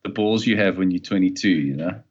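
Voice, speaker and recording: Man from Utah, low voice, laid-back storytelling, dull lo-fi call sound. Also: a little fast. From Utah, USA. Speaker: guest, former touring guitarist. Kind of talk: casual chat.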